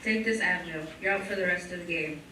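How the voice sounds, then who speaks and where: A woman playing a calm, attentive young sports medic in a stage play. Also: on the low side, quick pace. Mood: concerned. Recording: echoey hall, distant, noisy.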